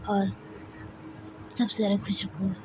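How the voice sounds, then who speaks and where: A woman's voice: medium pitch, little pitch movement, normal speed, background noise, close to an everyday voice. Woman doing a devoted young groom. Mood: earnest. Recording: slightly dull lo-fi recording.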